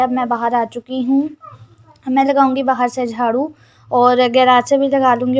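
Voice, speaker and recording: A woman's voice: fairly high pitch, darkish tone, muffled recording. A teenage girl narrating a casual home vlog, chatty and complaining about her sisters. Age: teens. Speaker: vlogger.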